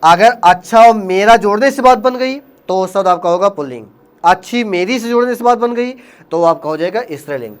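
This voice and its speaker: Male Hindi grammar tutor with a high voice and a Hindi accent, running a quiz-style exam drill. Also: animated, a little fast, clear, resonant tone. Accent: Hindi, Uttar Pradesh. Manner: explains by asking quiz questions, then answers them himself, calls listeners friend. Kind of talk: exam-prep lesson.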